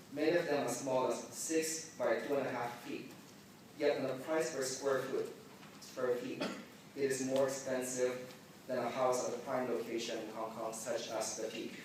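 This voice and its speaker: A man's voice: mid-range voice, darkish tone, slight background noise. Man giving formal remarks in an echoing hall. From Philippines. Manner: measured, deliberate delivery with occasional slips. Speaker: forum organizer giving welcome remarks. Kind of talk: formal prepared speech. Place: large conference hall. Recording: echoey hall, mic at a distance.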